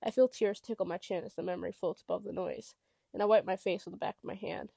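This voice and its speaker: A woman narrating a chapter of an audiobook in the first person, in a quiet, reflective way. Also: mid-range voice, steady tone, quick pace, creaky, breathy edge, no room sound.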